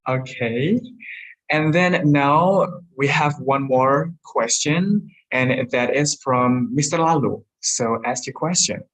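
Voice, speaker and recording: Polite male webinar moderator, mid pitch, unhurried. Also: a bit bright, low-quality recording. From Indonesia. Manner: polite, orderly.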